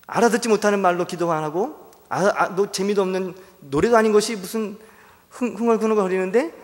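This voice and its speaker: A male pastor giving a Wednesday sermon, telling a story with frequent rhetorical questions to the congregation. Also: high voice. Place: church sanctuary. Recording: long church-hall reverb.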